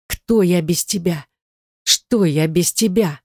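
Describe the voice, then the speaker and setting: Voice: mid-range voice, slow, a little mellow, no echo, studio quality. A reader voicing a young husband who is fierce and tender, growling or pleading.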